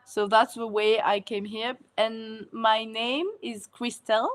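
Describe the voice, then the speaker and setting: Guest: woman, unhurried and hesitant, filler-heavy, laughs often. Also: fairly high pitch, little pitch movement. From Mauritius. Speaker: guest, food content creator. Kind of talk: casual interview answers.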